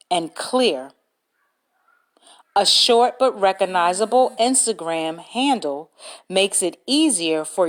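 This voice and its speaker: A woman hosting a solo podcast, reading out business tips and spelling out words as she goes. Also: lowish voice. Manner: slow, deliberate, reads points aloud and spells words out. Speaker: podcast host.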